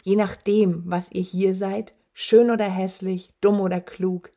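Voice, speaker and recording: A woman with a mellow, mid-range voice and flat delivery speaks a little slowly as a massive, dying male werewolf. The character's rattling, rasping taunts carry gloating menace, broken by wheezing, labored breathing.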